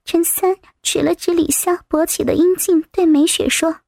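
A woman reading a story aloud as narrator, in a soft, slightly breathy manner. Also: very high voice, steady tone, moderate pace, no room sound, clean studio sound.

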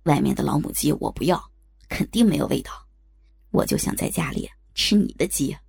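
A woman's voice: sits low, very animated, moderate pace, gravelly, darkish tone, husky, voice pushed down, exaggerated voice. A woman voicing a sly, lecherous old man with a leering, teasing drawl.

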